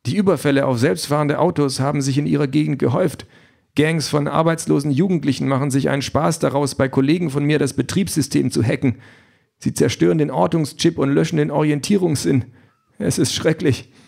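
A man's voice: on the high side, fairly even intonation, a little fast, gravelly, darkish tone, pitched above the performer's own voice. A man voicing a fussy, overly formal self-driving car that is eager to please. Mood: prim, polite.

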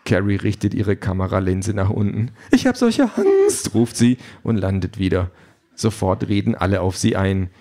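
Man, audiobook narrator, dry wry delivery, fairly low voice. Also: level tone, moderate pace, dark tone. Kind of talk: scripted narration.

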